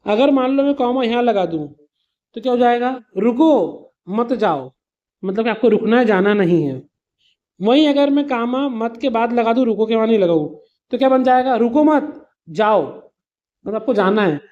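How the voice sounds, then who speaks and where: This man's voice is very high and a little mellow, and he talks slightly fast over lo-fi sound. During an exam revision class, he patiently uses simple examples to explain things, calls the students "beta," and drops English words into what he says.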